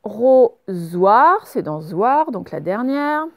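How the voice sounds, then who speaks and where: Teacher lady, slow careful lesson for little kids, kinda high voice, dry close mic. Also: expressive, darkish tone, dry recording. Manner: slow, clear, instructive, spelling out sounds. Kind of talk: remote reading lesson for young children.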